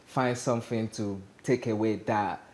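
Speaking in an unhurried, low-leaning voice, a Nigerian-accented stand-up comedian is interviewed casually in a TV studio. His manner is lively with lots of gestures, and he checks in with "you understand?"

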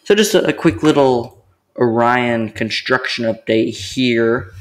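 A man's voice: mid-range voice, slow pace. A young man narrating his theme park vlog as a voice-over, eager and rambling, often restarting his sentences.

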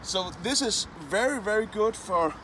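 A man's voice: high-pitched, lively intonation, normal speed, noisy background. A middle-aged man giving casual instruction in outdoors on a phone recording. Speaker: ice bath coach. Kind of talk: casual instruction in non-native English. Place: outdoors in a back garden. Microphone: phone camera.

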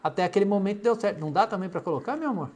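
This middle-aged Brazilian hypnotherapist talks rapid-fire on his live stream, his fairly high voice carrying a Brazilian Portuguese accent. Chatty and affectionate, he works through viewer comments and often softens his voice to talk to someone off camera.

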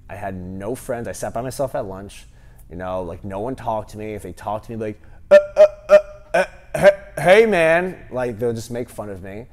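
A man in his thirties, a gym owner, answering interview questions with animated stories and lots of fillers, on a lapel mic in a large gym. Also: fairly low pitch. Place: large empty gym, indoors.

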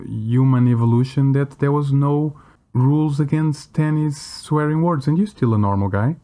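A man's voice: medium pitch, normal speed, dark tone. A man co-hosting a podcast, a non-native speaker whose first language is Portuguese, arguing his views in an opinionated, free-flowing way. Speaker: podcast co-host. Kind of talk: casual chat.

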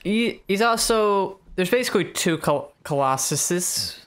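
A man's voice: sits high, animated, a little slow, fairly bright tone, slight background noise. A man casually chatting while playing a video game, rambling through tangents and laughing often. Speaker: let's play co-host, player. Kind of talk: casual gameplay chat.

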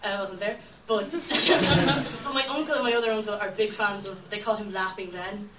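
A woman's voice: medium pitch, normal speed, very noisy. A young Irish woman telling a rambling story live, laughing often and breaking off into asides. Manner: rambling, laughing, self-interrupting with "like". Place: live storytelling night venue. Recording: echoey room, mic at a distance, audience heard. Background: audience.

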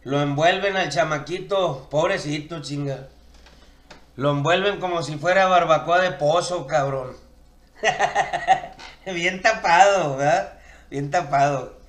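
A man's voice: on the high side, slow pace, pauses often, fairly bright tone. Man, Mexican accent, stand-up comedy monologue, crude and slangy, rambling, echoey room. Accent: Mexican Spanish. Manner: crude, slangy, rambling with chuckles at own jokes.

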